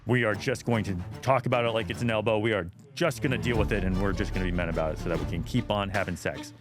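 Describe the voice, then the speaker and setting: A middle-aged man hosting a podcast, telling stories in a casual, animated way with lots of fillers and restarts. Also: lowish voice, fast talker, music in the background. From United States. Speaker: podcast host and men's health clinician. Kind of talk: casual monologue.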